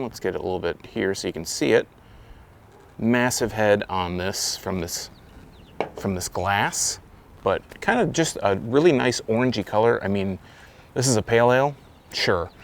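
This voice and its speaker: A man with a lowish, gravelly voice reviews a beer outdoors in a casual, loose way. He rambles and corrects himself as he goes. Wind is audible in the background.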